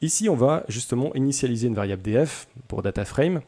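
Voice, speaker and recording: A man's voice: mid-range voice, lively intonation, quick pace, dark tone. A young man hosting a casual coding tutorial, chatty and self-deprecating, with many hesitations.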